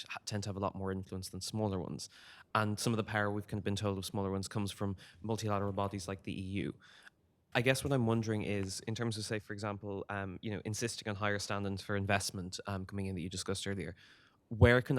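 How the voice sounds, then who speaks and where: A man's voice: fairly low pitch, no room sound. A man, introducing himself and putting a question at a public forum. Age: 20s. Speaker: audience questioner, intern.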